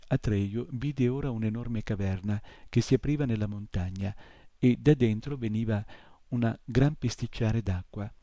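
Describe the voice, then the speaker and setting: A man reading a fantasy novel chapter aloud in calm, measured audiobook narration. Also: medium pitch, no echo, clean studio sound. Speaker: reader.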